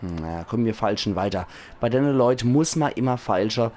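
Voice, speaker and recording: Man, Palatinate accent, hoarse, gaming commentary, chatty, enthusiastic. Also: mid-range voice, lively intonation, brisk, a little mellow. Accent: Palatinate German. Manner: chatty, enthusiastic, laughs often. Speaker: let's play host.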